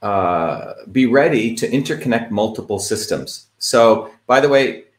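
A man's voice: on the low side, lively intonation, a little slow, roomy sound. A man from India giving a rambling, emphatic lecture-style talk, full of fillers and "quote unquote" asides. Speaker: host of an online talk.

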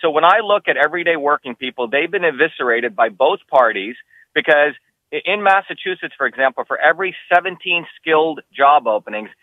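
A man from New Jersey makes his case as a political candidate, pressing each point emphatically, his voice a bit high. The sound is thin and tinny, like a phone line, with no room echo. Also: animated, a little fast. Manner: emphatic, insistent, rising pitch when heated. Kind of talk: campaign interview answers.

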